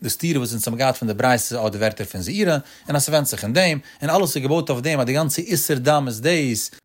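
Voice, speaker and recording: A man giving a traditional Talmud study lecture, in a sing-song, emphatic delivery with animated rises. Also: medium pitch, a little fast. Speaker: Talmud teacher.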